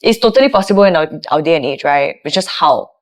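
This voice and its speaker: This is a woman talking in a podcast interview. Her voice is low, resonant and full. She chats casually and with animation, often ending her lines with "lah". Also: animated, quick pace. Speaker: guest, voiceover artist.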